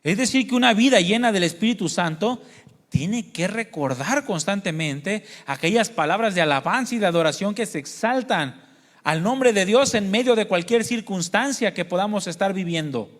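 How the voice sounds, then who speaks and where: A man preaches earnestly to a congregation, his fairly high voice carrying through a church hall with a long reverb tail. He shares his own testimony and asks the listeners questions, calling them brothers and sisters. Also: expressive, normal speed. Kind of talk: sermon.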